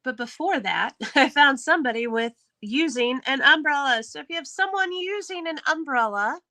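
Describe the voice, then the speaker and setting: Bright, high-pitched upbeat woman host. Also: animated, normal speed, no echo, poor audio. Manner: upbeat, chatty, laughs often. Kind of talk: live game-show hosting.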